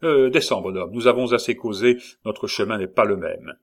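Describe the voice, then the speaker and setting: A man's voice: mid-range voice, lively intonation, unhurried, lightly acted. A man voicing a jovial, mocking and menacing male traveling salesman in an audiobook, teasing with many fillers. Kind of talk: audiobook character voice.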